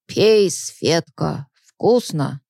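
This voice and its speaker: A woman voicing a drunken, unkempt man who talks in a slurred, gruff, scornful way. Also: fairly low pitch, very slow, no room sound, clean studio sound.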